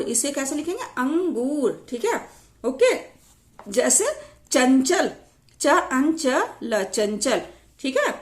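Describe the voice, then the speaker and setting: A woman teaching Hindi vowel signs, spelling each word out sound by sound in a slow, repetitive way. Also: sits high. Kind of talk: explaining lesson on vowel signs.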